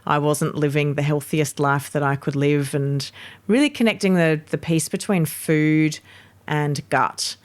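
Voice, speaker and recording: A woman's voice: low-pitched, fairly even intonation, measured pace. A middle-aged Australian woman, a podcast guest, speaking candidly as she tells her health story in conversation. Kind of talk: conversational interview.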